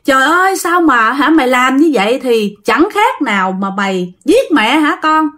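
Brief: woman voicing a crying Southern Vietnamese mother, wailing pleas, high and loud. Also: sing-song, moderate pace. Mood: distraught. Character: distraught mother pleading and scolding her son.

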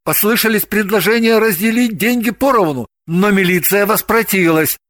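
A woman voicing a composed, handsome man who talks slowly in a theatrical, declaiming tone, in an audiobook reading. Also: mid-range voice, dry recording, voice pushed up, natural voice. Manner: slow, declaiming storyteller tone.

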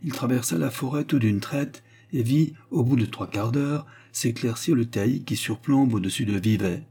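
Guy reading an old novel out loud, dark husky voice, steady pace. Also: mid-range voice. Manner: measured, even storytelling. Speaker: audiobook narrator. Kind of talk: reading a classic novel aloud.

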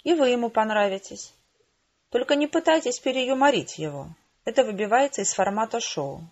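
A squeaky, starstruck young assistant who gushes shyly at her hero, as a woman reading aloud puts her on. The voice is husky and breathy underneath. The recording sounds a little dull and muffled. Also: animated, normal speed. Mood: eager. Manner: squeaky, gushing, shy. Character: eager timid young female assistant, starstruck.

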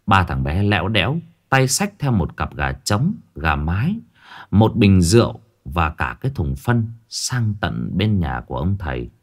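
A man narrating a ghost story in an expressive, dramatic storytelling manner. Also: low-pitched, unhurried. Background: faint background music.

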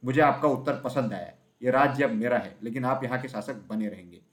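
Storybook king, conqueror, calm and commanding, read by a man in his own voice. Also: medium pitch, fairly quick, close to an everyday voice.

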